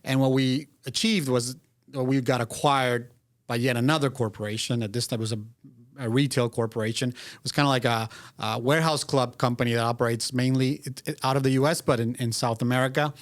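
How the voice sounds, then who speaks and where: A middle-aged man from Venezuela talks through his career as a podcast guest, steady and reflective, often restarting his sentences. His voice sits at a middling pitch and sounds dry and close, with no room echo around it. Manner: measured, reflective storytelling with frequent restarts. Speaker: guest, business consultant. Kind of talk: casual interview.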